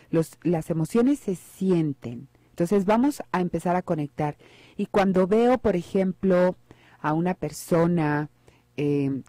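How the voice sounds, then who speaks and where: Lady psychologist on the radio, warm mellow voice, dry studio sound, keeps asking listeners questions. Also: sits low, no echo. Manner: reflective, poses rhetorical questions to listeners. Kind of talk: radio advice talk.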